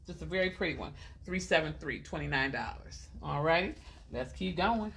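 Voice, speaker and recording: Lady selling dresses on a live stream, chatty, a bit low voice, faint hiss behind. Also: animated, normal speed, gravelly, fairly bright tone. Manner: chatty, repeating item numbers and prices. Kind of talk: casual live-sale chat.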